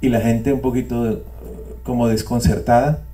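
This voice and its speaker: Recorded on a distant mic in a meeting room, an older man delivers a reflective testimony talk at a spiritual community gathering, repeating himself and wandering into wry digressions. He has a warm, medium-pitched voice with fairly even intonation at a normal speed.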